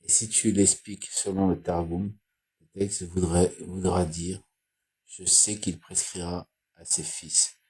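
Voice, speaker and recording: A man reading and explaining Torah commentary in a slow, halting way, with restarts and repeated phrases. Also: low voice, little pitch movement, darkish tone, husky. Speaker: Torah teacher.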